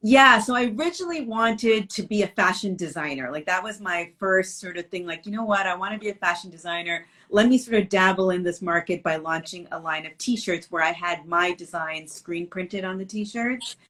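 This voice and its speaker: Woman from canada chatting on a video call, kinda low voice, lots of um and like. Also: moderate pace, fairly bright tone. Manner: chatty, lots of fillers and restarts. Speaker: business owner, designer. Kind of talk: casual video call interview.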